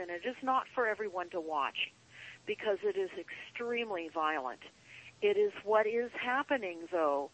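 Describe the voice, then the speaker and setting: A woman guest on a call-in show, speaking in an earnest, deliberate, emphatic way, like a paranoid late-night rant with drawn-out phrases. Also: mid-range voice, a bit bright, low-quality recording. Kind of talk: earnest conspiracy monologue.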